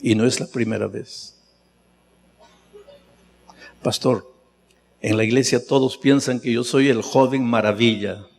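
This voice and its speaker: A male pastor voicing a tearful young man who pleads for help in a low, broken voice. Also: takes it slowly, a little mellow. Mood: despairing. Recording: long reverb of a large hall.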